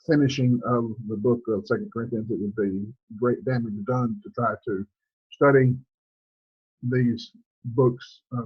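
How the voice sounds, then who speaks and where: A man's voice: mid-range voice, husky, muffled recording. A man teaching an evening Bible class, speaking off the cuff with many fillers and restarts. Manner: unscripted, frequent fillers and restarts. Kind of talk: lecture-style Bible lesson.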